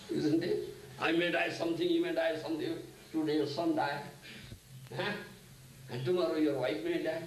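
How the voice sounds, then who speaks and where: A man's voice: on the high side, slight background noise. A man giving a sermon as a spiritual teacher, often asking his listeners "huh? isn't it?". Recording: echoey room, mic at a distance.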